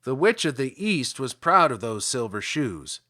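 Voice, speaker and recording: A man reading aloud, voicing a small Munchkin man speaking in a louder, raised voice. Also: mid-range voice, sing-song, a little slow. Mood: solemn.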